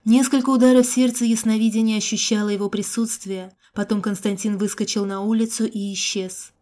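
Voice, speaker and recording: Woman, audiobook narrator, first-person action fantasy, steady and expressive, mellow timbre. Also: mid-range voice, a little fast.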